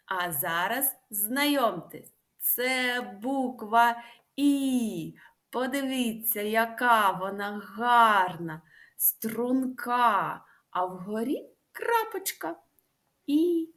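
A woman speech therapist giving a lively, sing-song lesson to young children, stretching out the vowel sounds. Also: on the high side, extremely slow.

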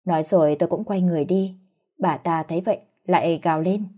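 A woman narrates a first-person story in a measured, dramatic way. Her voice is low and dark, with a husky edge. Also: steady tone.

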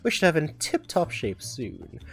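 A man's voice: a little high, wildly swooping pitch, moderate pace, gravelly, slightly rough, voice pushed up, exaggerated voice. A man reading as a polite hotel staffer. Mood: formal. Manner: formal, courteous service talk.

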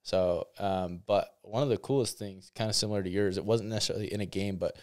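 Easygoing young man, clear low voice. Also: steady tone, darkish tone. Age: young adult. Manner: easygoing, asks quick follow-up questions. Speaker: podcast host. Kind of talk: casual chat.

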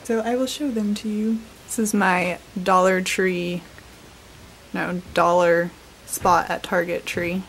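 This twenty-something vlogger talks to a handheld camera at arm's length from her bedroom, chatty and full of "um" and "like." She speaks slowly in a steady, lowish voice with vocal fry. The audio is poor and carries a slight hiss or hum.

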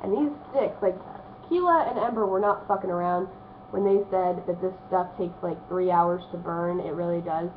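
Hoarse young woman chatting on a thin line. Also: on the low side, normal speed. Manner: chatty, rambling, frequent ums. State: hoarse from a cold. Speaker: vlogger. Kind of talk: casual haul vlog. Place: home, at a small desk. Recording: phone-like narrow band, faint hiss.

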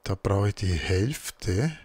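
A man's voice: low-pitched, expressive, takes it slowly, darkish tone, slightly rough, no room sound. A man giving casual let's play commentary, muttering to himself as he works through crafting.

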